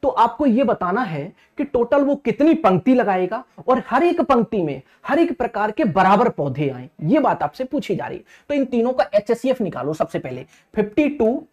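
On a lo-fi recording, a man in his thirties teaches exam maths in a very high-pitched, slightly mellow voice, very animated and at normal speed with few pauses. Working at a digital board in an indoor teaching studio, he goes step by step, repeats points, calls listeners friends, and checks their understanding.

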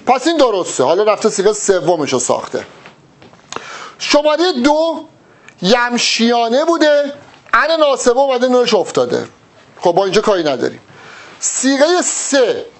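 A man giving an exam-prep grammar lesson, explaining step by step and asking rhetorical questions that he answers himself. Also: high voice. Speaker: teacher.

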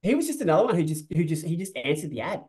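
A man's voice: a little high, sing-song, racing, darkish tone, low-quality recording. Rambling man on a video call. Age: 40s. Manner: rambling, restarts often, says "like" a lot. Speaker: film director. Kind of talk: casual interview on a video call. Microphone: video call webcam.

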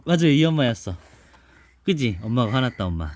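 A man reading a picture book aloud to his child at home, gently and softly, stopping now and then to ask the child questions. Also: mid-range voice, very animated, brisk. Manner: gentle, soft-spoken, stops to chat and ask the child questions. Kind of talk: bedtime storybook reading with asides to a child.

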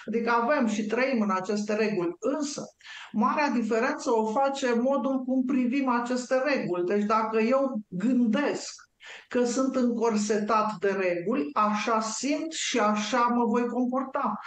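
A woman on a talk show, calmly explaining her ideas step by step like a lecturer. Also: on the high side, roomy sound.

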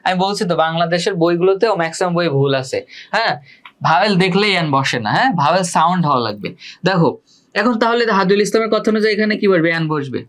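A man's voice: sits high, animated, fairly bright tone. A young man with a Bangladeshi Bengali accent teaching an online English grammar class, asking students questions and repeating his points. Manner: repetitive, questioning students, drawn-out example sentences.

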